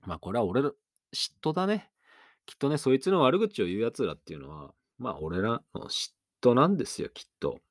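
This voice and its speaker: A man hosting his own late-night radio talk, rambling along in a self-mocking way. His pitch swings widely, jumping up and dropping low within a sentence. The studio sound is dry and close. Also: big pitch swings, fairly quick, no echo. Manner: rambling, self-mocking, chatty with sudden high jumps. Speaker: radio DJ and podcast host. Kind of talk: casual solo radio talk.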